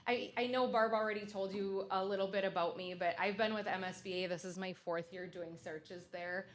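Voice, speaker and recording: A woman's voice: medium pitch, a bit bright. A woman consultant presenting to a school board at a public meeting, conversational and loose, with frequent fillers and restarts.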